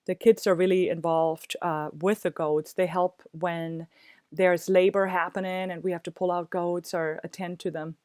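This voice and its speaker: A woman's voice: on the low side, level tone, moderate pace, a little mellow, no room sound. Middle-aged woman teacher, eager and chatty, resonant voice, dry recording. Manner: chatty and enthusiastic. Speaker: homesteader and cheese making teacher. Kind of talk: casual talk to camera.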